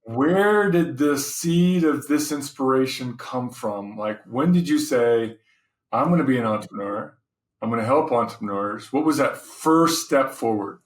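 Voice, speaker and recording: A man hosting a podcast, reading a scripted intro and then asking measured questions with a few "uh" fillers. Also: medium pitch. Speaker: podcast host.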